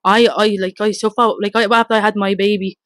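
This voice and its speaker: A woman with a Dublin accent giving a blunt, rapid, emotional first-hand account, swearing and re-enacting her shouts, outdoors in front of her home. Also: medium pitch, little pitch movement, dry recording. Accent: Dublin Irish. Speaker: mother telling her story.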